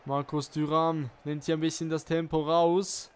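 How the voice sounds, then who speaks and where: A man's voice: fairly high pitch, flat delivery, normal speed, smooth. A man giving play-by-play commentary on his own football video game, calling out player names as he goes. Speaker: gaming YouTuber playing and commentating his career mode.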